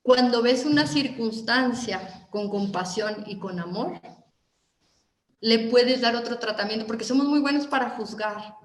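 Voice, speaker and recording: A woman with a Mexican Spanish accent giving a motivational talk, animated and asking her listeners question after question. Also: on the high side, a little slow, roomy sound. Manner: animated, asks the audience many questions. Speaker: motivational speaker.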